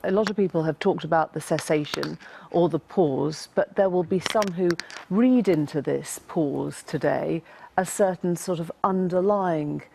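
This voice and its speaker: A woman presenting a news discussion, putting measured questions to her guests with some hesitant fillers. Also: on the low side, gravelly, dark tone, slight background noise. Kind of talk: broadcast interview questions.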